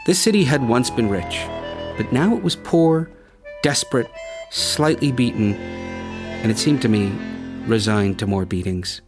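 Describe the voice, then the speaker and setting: A man narrating a scripted story in a measured way, with dramatic pauses. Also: medium pitch. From United States. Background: guitar music.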